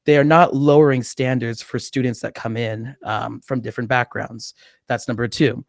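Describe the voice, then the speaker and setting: A young male medical student in his twenties talks in a casual video-call interview from a small indoor room, using a studio mic and headphones. His mid-range, gravelly voice has a steady tone and moderate pace, and the recording is dry. He explains things earnestly and laughs often.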